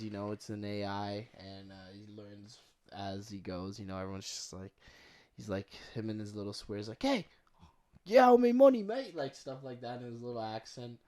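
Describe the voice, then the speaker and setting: A man co-hosting a movie podcast, talking loosely and haltingly with lots of fillers. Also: mid-range voice, darkish tone. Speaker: podcast co-host. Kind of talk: casual movie review chat.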